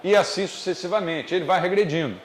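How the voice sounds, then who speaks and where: Brazilian guy lecturing, kinda high voice, walks through it step by step, echoey classroom w faint hiss. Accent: Brazilian Portuguese. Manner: explains step by step, deliberately slow on key points. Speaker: economics lecturer.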